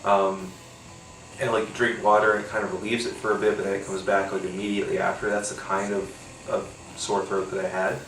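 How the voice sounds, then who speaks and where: This is a solo beer-tasting chat from a podcast host who sounds congested and nasal with a cold. His deep voice barely moves in pitch but is brisk and a little bright, and he rambles with lots of fillers and casual swearing. The rough audio sounds roomy and distant, with slight hiss or hum.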